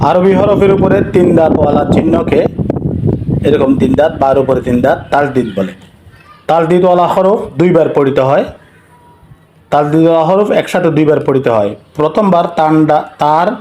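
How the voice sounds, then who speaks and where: A man's voice: on the high side, darkish tone. A man teaching Quran letter reading, drilling syllables one by one in a careful step-by-step lesson. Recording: roomy echo.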